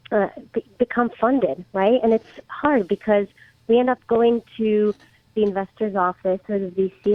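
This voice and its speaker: A woman's voice: medium pitch, dry recording. A woman in her thirties, from the Czech Republic, answering interview questions in a hesitant way with frequent restarts. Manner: hesitant, many restarts and fillers. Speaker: startup guest. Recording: tinny phone-like line.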